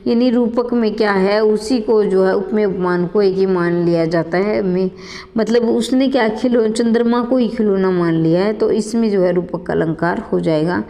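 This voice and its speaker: A woman's voice: mid-range voice, steady tone, normal speed, warm tone, in a large hall. A woman coaching teacher going through exam questions, calling her students children and repeating each question and answer aloud. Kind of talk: exam answer walkthrough lesson.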